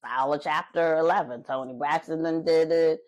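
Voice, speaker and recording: A woman's voice: low voice, fairly even intonation, normal speed, a little mellow, dry recording, rough recording. A woman co-hosting a casual reality TV recap, blunt and shady, acting out what people said. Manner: blunt, shady, acts out quotes. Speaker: podcast co-host.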